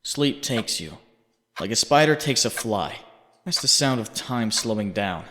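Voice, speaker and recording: The man's voice is mid-range and a bit bright, with lively intonation and a slightly slow pace. Performing a comic dub, he gives a young hero's brooding, guilty inner voice in intense, sardonic second-person narration, with long cavernous reverb.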